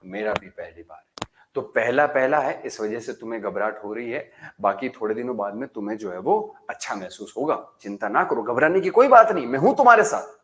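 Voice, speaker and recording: A man's voice: medium pitch, expressive, a little fast, pitched below the performer's own voice, lightly acted. A man playing a blustering middle-aged engineer, alternately soothing and scolding. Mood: reassuring. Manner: reassuring at first, then gruff and scolding.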